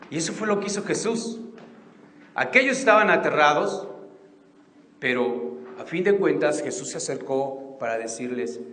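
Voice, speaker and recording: A middle-aged man preaching slowly and emphatically. His voice sits a touch high and drops soft, then rises loud. The large church hall rings with a long, roomy echo. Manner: slow and emphatic, swings between soft and loud. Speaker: pastor. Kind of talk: sermon. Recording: echoey reverberant church hall.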